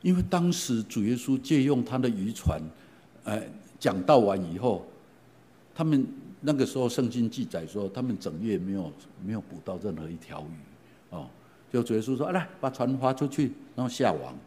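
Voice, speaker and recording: A middle-aged man preaching a sermon, retelling stories in an animated way and often asking his listeners questions. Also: fairly low pitch, normal speed. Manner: animated, asks the congregation questions, frequent fillers. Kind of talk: sermon storytelling.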